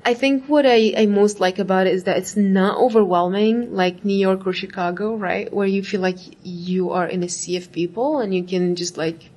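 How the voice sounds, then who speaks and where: Speaking with hardly any pauses at normal speed, this Iraqi graduate student has a medium, slightly mellow voice with fairly even intonation. She's being interviewed casually and talks reflectively, leaning on "like" and "right?".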